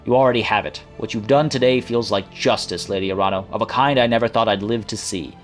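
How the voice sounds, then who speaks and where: A man's voice: fairly low pitch, quick pace, lightly acted. Man reading as grave, formal nobleman. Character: grave, vengeful nobleman lord. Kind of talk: video game dialogue read aloud. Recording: music playing behind.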